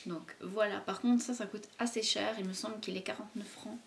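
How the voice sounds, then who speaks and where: Young woman, beauty vlogger, casual chatty delivery, mid pitch, faint background hiss. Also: fairly even intonation, fairly quick, gravelly. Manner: chatty, hesitant with many fillers. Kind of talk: casual product review chat.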